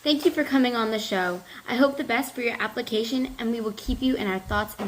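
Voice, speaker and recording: A woman's voice: a little high, fairly quick. A woman working as a news reporter, reading a scripted report and putting questions to a guest. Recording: echoey room with faint noise.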